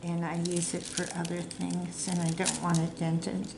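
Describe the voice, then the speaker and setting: A woman's voice: fairly low pitch, monotone, moderate pace. A middle-aged woman chatting casually and rambling while she works on a craft project at home, sometimes putting herself down. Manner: rambling, chatty, self-deprecating. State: hiccups. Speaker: crafting vlogger. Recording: echoey room with clear background noise.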